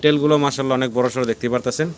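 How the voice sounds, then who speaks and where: A man with a Bangladeshi Bengali accent talks at a breakneck pace, steady in pitch, as he walks through a farm. Pigeons coo loudly around the noisy recording. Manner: rapid patter, repeats prices, frequent blessings. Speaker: pigeon seller channel host. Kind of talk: fast walkthrough sales tour. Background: pigeons cooing.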